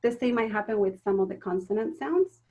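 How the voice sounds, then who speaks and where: Speaking to teachers in a recorded talk, a Spanish-speaking teacher trainer walks through each step, often saying um and correcting herself. She has an expressive, mid-range voice and a brisk pace. The audio sounds like a phone.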